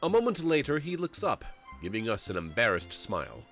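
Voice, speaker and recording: A man in his forties streams a story game, reading its narration aloud while joking, rambling, and laughing often in an animated way. His medium-pitched voice runs a little fast, with faint music in the background.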